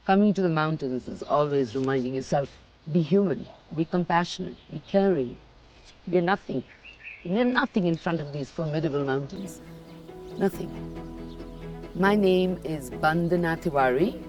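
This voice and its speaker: A woman's voice: sits low, lively intonation, normal speed, darkish tone, faint music behind. Earnest woman from fashion, reflective. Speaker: fashion industry professional. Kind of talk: reflective documentary interview.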